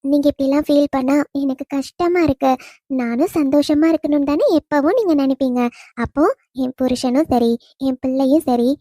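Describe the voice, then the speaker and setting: Cartoon: loving ghost wife, high mellow voice, teasing, woman performer. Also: brisk, no echo, studio quality, close to an everyday voice. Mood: tender teasing. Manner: affectionate teasing, soft laughs. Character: young wife's gentle spirit, teasing and loving. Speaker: dead wife visiting husband. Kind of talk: cartoon voice acting.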